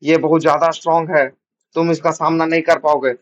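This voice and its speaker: Young male hero from a comic recap, urgent and protective, voiced by a man, raised pitch, dull sound. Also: flat delivery, fairly quick, natural voice. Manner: urgent, pleading.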